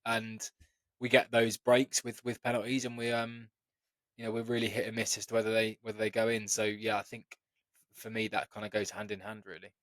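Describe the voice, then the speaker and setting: Male podcast co-host, low and even voice, dry close sound, measured and analytical. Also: no echo. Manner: measured, analytical, repeats words while thinking. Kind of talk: casual football podcast chat.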